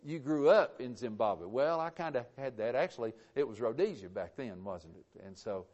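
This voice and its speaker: A man preaching a sermon, earnest and emphatic, with frequent halting restarts. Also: medium pitch, animated, darkish tone, lo-fi sound.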